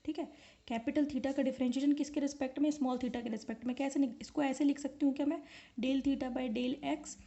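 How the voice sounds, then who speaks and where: Fast and steady, a woman with a high-pitched, mellow voice walks students through an online physics lecture one step at a time. She keeps checking whether the class is following along.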